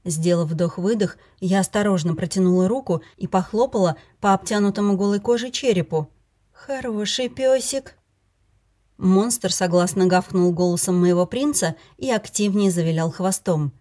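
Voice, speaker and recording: A woman's voice: fairly low pitch, moderate pace, few pauses, mellow. Woman reading a fantasy novel aloud. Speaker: audiobook narrator. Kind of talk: first-person storybook narration.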